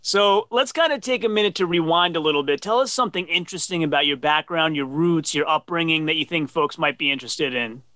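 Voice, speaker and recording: A man's voice: fairly high pitch, lively intonation, fairly quick, few pauses, pushed and bright, no echo. A man in his forties from New Jersey hosting a video-call interview, friendly and affirming, asking long rambling questions. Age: 40s. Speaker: interview host. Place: dim home office. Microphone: webcam on video call.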